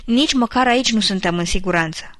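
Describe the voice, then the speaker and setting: Lady reading a jumpy beaver guy, husky little whisper, super hushed, dry close sound. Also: medium pitch, no echo, close to an everyday voice. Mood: hushed urgent. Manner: hushed and urgent. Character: wary whispering male beaver. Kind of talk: audiobook character reading.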